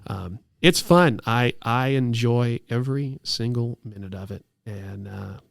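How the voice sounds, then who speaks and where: A man in his thirties talks as an interview guest in a casual, enthusiastic storytelling way. His pitch sits in the middle, and the sound is dry and close. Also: a little slow, creaky, no room sound. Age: 30s. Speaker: air show announcer, interview guest.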